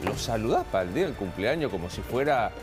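A man hosting a TV news panel, asking brisk, probing questions in a studio. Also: fairly low pitch, very animated, over music. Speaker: news show host. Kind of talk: TV panel discussion.

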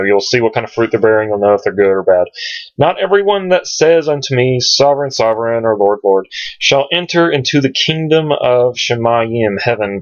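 Rambling man teaching scripture, lo-fi. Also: medium pitch. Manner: rambling, searches aloud, many ums. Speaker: Bible teacher. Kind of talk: casual scripture teaching at home. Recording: dull lo-fi home recording.

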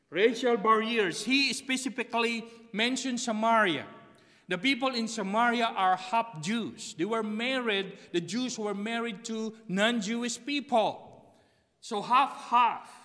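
This is a Tagalog-speaking pastor, middle-aged and Filipino-accented, preaching to an empty church and repeating his main phrases. His voice is high, pushed and bright. It's picked up by a pulpit mic on a stand plus a faraway camera, with the long echo of a church hall.

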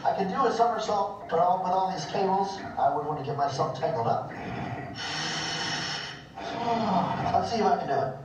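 A man's voice: sits high, expressive, measured pace, pauses often. A man, a dive instructor, giving easygoing, plain-spoken answers from underwater in an aquarium tank through the microphone in his full face mask. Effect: voice through a diver's full face mask radio. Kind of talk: casual live Q&A answers. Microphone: microphone built into a full face mask. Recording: muffled, distant, echoey underwater comms with hiss.

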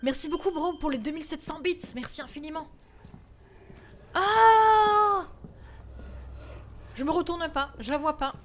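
A woman's voice: high voice, fast talker, few pauses, slight background noise. A woman streaming a horror game live, jittery and swearing often as she scolds the ghosts on screen. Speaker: gaming streamer. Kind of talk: live horror gameplay commentary.

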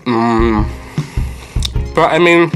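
A man's voice: mid-range voice, drawn-out words. A man in his early twenties chatting casually with his mouth full as he eats, talking loosely with lots of fillers. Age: 20s. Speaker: mukbang vlogger. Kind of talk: casual chat while eating. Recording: music playing in the background.

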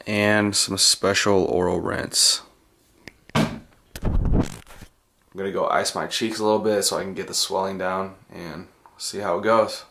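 A young man vlogs casually into a camera held at arm's length, with clear background noise. His voice is low and monotone, and he talks with a swollen mouth after wisdom teeth removal. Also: a little slow, pauses often. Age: 20s. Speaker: vlogger. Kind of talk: casual video diary. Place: parked car and rooms at home. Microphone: handheld camera at arm's length.

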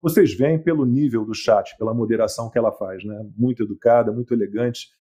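A man with a dark, mellow voice hosts a live talk show. He chats easily, greets guests by name and tags his points with little questions. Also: mid-range voice, fairly quick. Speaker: show host.

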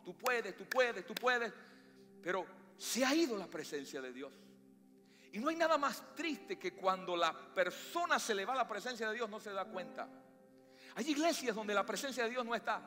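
A man with a Latin American Spanish accent preaching a sermon as pastor, with emphatic rises and slow, stressed phrases. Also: sits high, pushed and bright. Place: church sanctuary. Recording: long church reverb with faint music.

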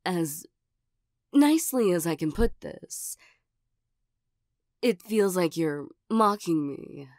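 A flustered cat girl, acted by a woman in a soft-spoken ASMR role-play. Her voice sits fairly low and she goes slowly, shy and hesitant, tripping over her words. The recording is dry and close. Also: animated, dry recording. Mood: guarded, wry. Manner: hesitant, stammering, giggly. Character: flustered, shy, nervous female cat creature with claws.

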